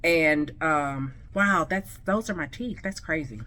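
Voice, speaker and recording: Her voice is low, slow, pushed and bright as she talks up her new teeth in a casual selfie vlog. A customer describing her experience, she's effusive and chatty, with a slight lisp.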